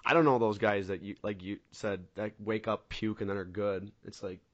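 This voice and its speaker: Speaking at normal speed in a lowish voice, a man in his twenties co-hosts a casual podcast chat. He rambles through animated stories with laughs, captured on dull lo-fi audio.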